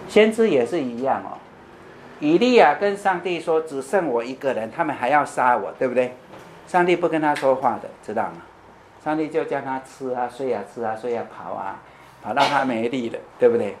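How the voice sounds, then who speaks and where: A man's voice: mid-range voice, darkish tone, a little hiss or hum. Man preaching, repeating phrases and quizzing listeners. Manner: asks the congregation questions and answers them himself; tags lines with "you know?". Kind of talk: conversational sermon.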